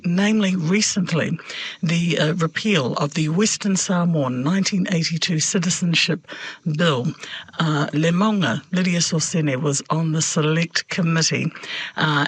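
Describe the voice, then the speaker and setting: A woman hosting a conversational interview, speaking in a measured, hesitant way with frequent pauses. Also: deep voice, slightly rough, dry recording. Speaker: interview host.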